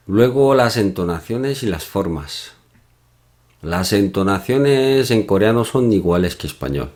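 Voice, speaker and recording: A man teaching a Korean lesson from slides, explaining slowly with pauses and soft hums. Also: deep voice. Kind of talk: slide-based language lesson.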